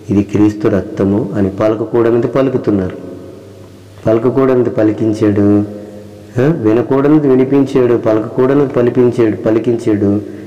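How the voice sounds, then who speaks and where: A man preaches a sermon with a low, mellow voice. He reads scripture slowly, repeats phrases and keeps asking rhetorical questions. His voice carries a long reverb. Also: muffled recording.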